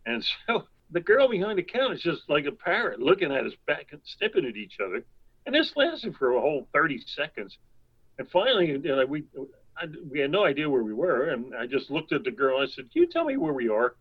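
An older man telling long anecdotes as an interview guest, rambling, with quick asides and chuckles. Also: a little high, sing-song, breathy edge, muffled recording. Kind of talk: anecdotal storytelling.

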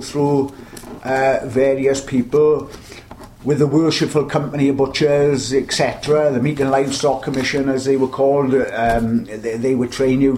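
A little hiss or hum sits behind this mid-range, slightly mellow voice. It belongs to an older South Wales Valleys man, a veteran butcher reminiscing as an interview guest in a chatty, meandering way, restarting his thoughts again and again.

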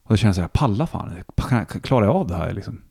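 A man with a Hälsingland Swedish accent talks in a relaxed, rambling way, swearing easily. His voice sits low with a gravelly fry running through it. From Sweden, Hälsingland. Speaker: musician and radio host, guest. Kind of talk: casual conversation.

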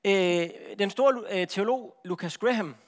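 This is a man's sermon, spirited and conversational, full of repeated words and frequent check-ins with the audience. His voice sits high.

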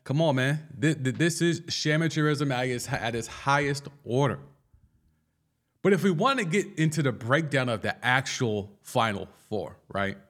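A man hosting a casual sports podcast, talking in an animated and slangy way and firing off rhetorical questions. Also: medium pitch, normal speed. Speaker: podcast host.

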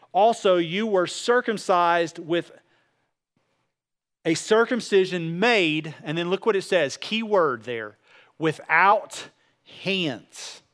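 A male preacher speaks in a rather high voice for a man. He addresses listeners earnestly and directly, building his sermon with repetition and rhetorical questions. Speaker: pastor preaching.

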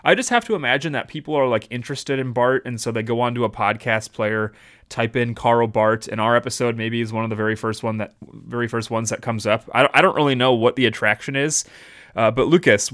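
A man's voice: medium pitch, fairly quick, a bit bright. A man hosting a casual theology podcast, chatty and joking as he rambles through the intro. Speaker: podcast host.

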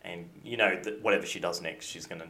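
Low-voiced dry Australian man. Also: fairly even intonation, brisk, sharp tone. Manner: dry, jokey, short agreements. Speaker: podcast co-host. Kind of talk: casual podcast chat.

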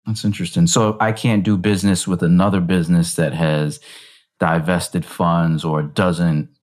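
A man's voice: low voice, little pitch movement, normal speed, darkish tone. A man hosting an interview, asking questions with a curious, hesitant manner and frequent fillers. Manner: inquisitive, uses many fillers. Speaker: interview host.

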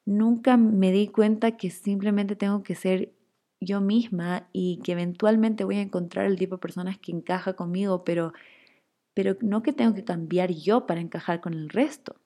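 A young woman telling a personal story in a chatty, expressive way, full of fillers, as a casual vlog. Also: mid-range voice, moderate pace.

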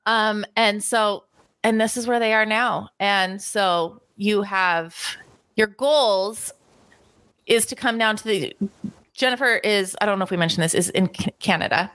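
Casting: upbeat woman podcast co-host, mid pitch, dry close recording. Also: a little slow, a bit bright, dry recording. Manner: chatty, enthusiastic, hesitant with fillers. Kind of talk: casual podcast chat.

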